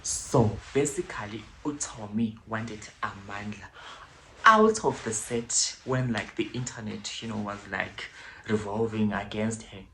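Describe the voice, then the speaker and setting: A man hosting a casual commentary vlog, chatty and digressive, with frequent hushed, whispered asides. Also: on the low side, animated, unhurried, vocal fry, slight background noise, poor audio. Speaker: vlogger.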